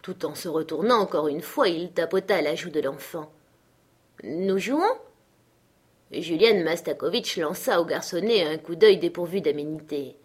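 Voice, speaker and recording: A woman narrating a classic literary tale as an audiobook, in a measured, expressive storytelling manner. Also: low voice, breathy edge.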